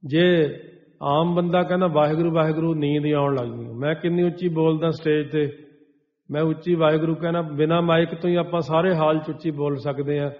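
A man preaching to a congregation, slowly chanting scripture lines and then explaining them in plain talk. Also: on the high side, fairly even intonation. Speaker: Sikh preacher. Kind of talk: scripture exposition sermon. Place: large hall before a congregation. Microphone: stage microphone. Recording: dull sound with long hall reverb.

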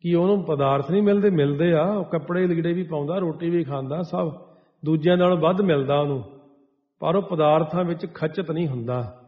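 A man preaching to a congregation, slowly chanting scripture lines and then explaining them in plain talk. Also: on the high side. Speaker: Sikh preacher. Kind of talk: scripture exposition sermon. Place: large hall before a congregation. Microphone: stage microphone. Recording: dull sound with long hall reverb.

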